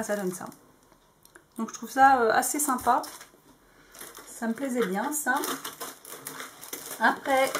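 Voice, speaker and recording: A woman's voice: fairly high pitch, slight background noise. A woman vlogging in French, casually showing crafting dies with lots of hesitant fillers. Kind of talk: casual show-and-tell.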